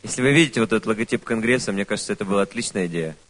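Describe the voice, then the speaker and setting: A man interpreting a speech, phrase by phrase, quick and with restarts. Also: on the low side. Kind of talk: consecutive interpreting.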